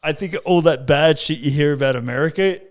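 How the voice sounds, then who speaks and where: This Australian podcast host keeps things casual, laughing and cursing his way through stories. He talks fairly quickly in a slightly high voice.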